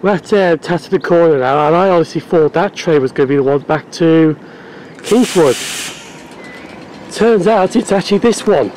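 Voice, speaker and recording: Man, slightly high pitch, casual vlogger commentary, outdoor railway setting, light background noise. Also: normal speed, a little mellow, poor audio. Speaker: vlogger filming trains. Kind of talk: casual running commentary to camera.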